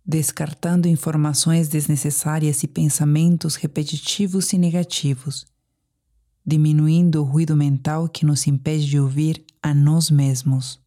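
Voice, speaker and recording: Leading listeners toward sleep, a woman with a Brazilian accent speaks with deliberate, soothing phrasing and soft pauses. Her voice is low for a woman, dark and relaxed.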